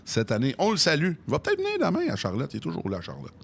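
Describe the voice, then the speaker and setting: A man with a Québécois French accent doing live race commentary, exclaiming loudly when the action heats up. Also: fairly high pitch, very fast, creaky, breathy edge. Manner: excitable, exclaims during crashes. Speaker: play-by-play commentator.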